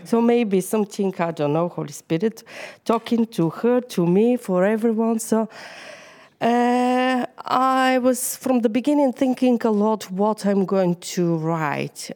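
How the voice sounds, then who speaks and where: A native Bulgarian speaker with a Bulgarian accent gives an informal sermon to a church group. She sounds hesitant and uses many fillers, and her mid-range voice has a darkish tone.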